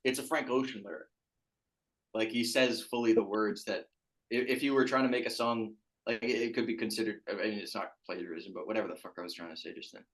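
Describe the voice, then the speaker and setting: A man's voice: on the low side, fast talker, fairly bright tone. A young man co-hosting a podcast in casual banter, rambling and crude, often losing his thread. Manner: rambling, crude, trails off and restarts. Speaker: podcast co-host.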